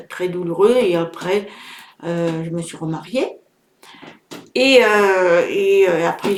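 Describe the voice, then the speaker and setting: A middle-aged woman sharing a personal experience in an emotional, halting way, with many fillers and restarts. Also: mid-range voice, a little mellow. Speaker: vlogger sharing a personal story. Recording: roomy echo.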